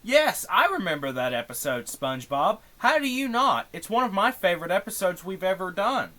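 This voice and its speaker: A man reading aloud the lines of a boastful old male cartoon crab boss, louder and higher than his usual talk. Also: big pitch swings, normal speed, full character voice.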